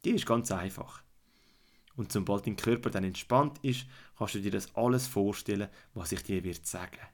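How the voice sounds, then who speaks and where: A man with a Swiss German accent narrating a guided relaxation and sleep story, soothing, with repeated instructions that at times drop to a hush. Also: on the low side, normal speed.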